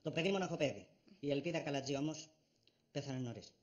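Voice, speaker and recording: An actor playing a dutiful assistant who calmly reports what he found in a TV comedy series. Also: on the high side, close to an everyday voice. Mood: reporting. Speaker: investigator reporting back. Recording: dull lo-fi TV audio with faint music.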